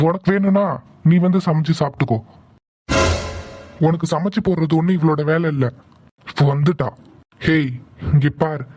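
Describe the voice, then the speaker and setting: A man voicing a protective, hot-tempered young husband in a cartoon, speaking in a sharp, commanding way. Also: a little high, no room sound, close to an everyday voice. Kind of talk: cartoon voice acting.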